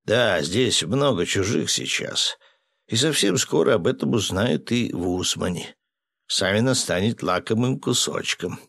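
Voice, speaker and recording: An audiobook narrator voicing a cautious, earnest aide in nearly his own low voice. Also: lively intonation, unhurried, gravelly, fairly bright tone, dry recording, clean studio sound, exaggerated voice.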